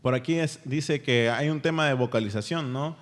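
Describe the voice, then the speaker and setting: A man hosting a casual language-learning podcast, energetic and often laughing. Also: mid-range voice, moderate pace. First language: Spanish. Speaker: podcast host.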